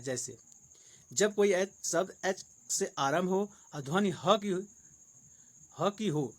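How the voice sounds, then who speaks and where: Grammar teacher, male, high voice, Hindi-accented English, repeats rules patiently. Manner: repeats rules and examples slowly, explaining each. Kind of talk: exam-prep grammar lesson.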